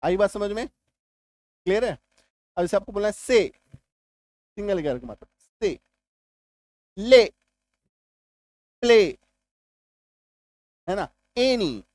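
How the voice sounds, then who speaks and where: A man's voice: sits high, very animated, darkish tone, no echo. Patient male teacher drilling sounds. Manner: patient, repeats points and often checks if listeners follow; drills sounds by saying them slowly and repeating them. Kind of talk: explanatory classroom-style lesson.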